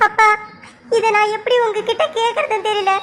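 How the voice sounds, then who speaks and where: A woman's voice: very high-pitched, fairly even intonation, fairly quick, a bit bright, soft background music. A woman voicing an earnest young village daughter in a cartoon, who pleads in long, heartfelt appeals. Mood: pleading. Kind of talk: cartoon voice acting.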